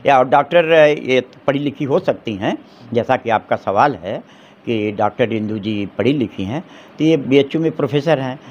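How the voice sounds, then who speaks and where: A middle-aged man speaks in a forceful, argumentative way. He throws out rhetorical questions and keeps restarting his sentences. His pitch sits in an ordinary middle range. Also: animated, moderate pace, highs cut off. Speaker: advocate interviewed on the election. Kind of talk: street interview, political opinion.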